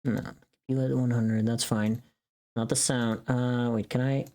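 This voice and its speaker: During a relaxed livestream, this woman works on voice pack recordings, thinking out loud and muttering to herself. She has a rumbling low, warm voice with a flat delivery and a slightly slow pace.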